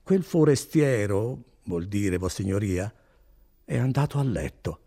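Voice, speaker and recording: Storybook role: man voicing a fussy, dodging innkeeper, pitched up, husky edge. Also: lively intonation, measured pace, dark tone. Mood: evasive. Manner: evasive and fussy, voice raised. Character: evasive, nervous male innkeeper.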